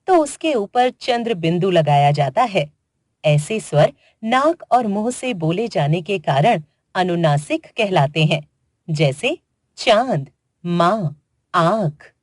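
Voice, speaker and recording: A woman narrating a children's grammar lesson in a slow, deliberate way, spelling out letters one by one. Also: lowish voice, a little mellow, no room sound, studio quality. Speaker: grammar teacher. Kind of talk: scripted educational narration for children.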